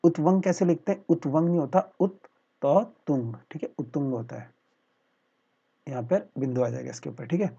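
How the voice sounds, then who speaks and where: A man's voice: on the high side, normal speed, gravelly, warm tone, husky. A man teaching a Hindi spelling lesson for exam aspirants, spelling words out syllable by syllable and repeating a filler phrase as he asks and answers his own questions. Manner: talks to viewers as friends, asks questions then answers them. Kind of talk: spelling lesson over slides. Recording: dull lo-fi voice-over.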